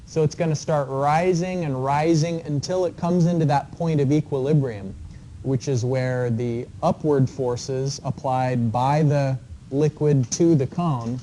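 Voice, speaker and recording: Guy teaching an engineering class, mellow voice, lots of ums, faint hiss in the room. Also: mid-range voice, unhurried, rough recording. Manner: relaxed, explanatory, with frequent fillers. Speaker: engineering professor. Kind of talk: classroom lecture. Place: lecture classroom.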